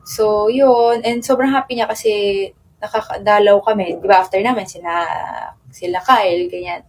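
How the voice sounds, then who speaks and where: A woman's voice: mid-range voice, steady tone, moderate pace. A young woman with a Filipino accent chatting casually with fans on a live stream. She rambles through her stories, fills them with tag words and switches between Tagalog and English. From Philippines.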